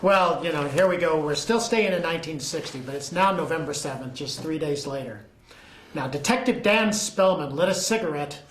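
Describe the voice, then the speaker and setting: A man's voice: a little high, normal speed, slight background noise. Folksy jokey man reading old news. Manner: folksy, jokey, acts out quotes. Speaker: co-host. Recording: echoey room.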